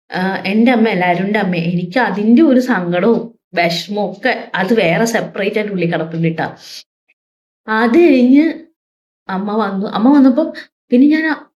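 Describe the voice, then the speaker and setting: Young woman vlogger, emotional retelling. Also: on the high side. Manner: emotional, heartfelt retelling with sighs and repeated words. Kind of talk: personal storytelling. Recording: dull lo-fi recording.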